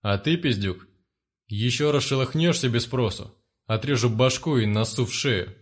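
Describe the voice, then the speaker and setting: A man's voice: medium pitch, normal speed, lightly acted. Man voicing a brutal one-eyed gang leader. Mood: mocking menace. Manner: coarse swearing, shouting threats.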